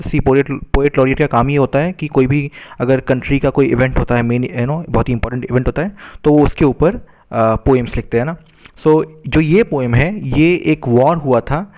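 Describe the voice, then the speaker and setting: A man teaching a poem, explaining in a mix of two languages, with many fillers and tag questions, reading verse lines slowly. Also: medium pitch, a little mellow, highs cut off. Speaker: literature teacher. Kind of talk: poem lesson mixing Hindi and English.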